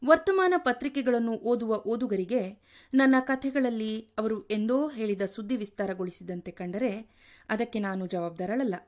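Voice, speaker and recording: A woman's voice: fairly high pitch, normal speed. A woman narrating the introduction to a short story, earnest and speaking straight to the listeners.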